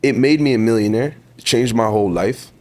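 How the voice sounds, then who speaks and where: A man in his twenties from Ontario, Canada, with a Toronto accent talks briskly at a medium pitch as a guest on a podcast in casual interview style. He's emphatic and motivational, repeating words for stress and addressing the host as bro.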